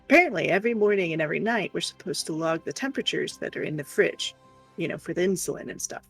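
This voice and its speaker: A female streamer chats casually and tells stories in a frank, exasperated, swear-filled way. Her voice sits low and slightly rough, and she talks fast. Faint music plays in the background.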